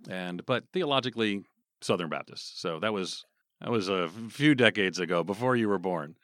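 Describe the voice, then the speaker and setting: A man's voice: deep voice, lively intonation, moderate pace, a bit bright, no room sound, studio quality. A man who is a guest on a podcast, joking and bantering with the hosts. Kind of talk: casual podcast discussion.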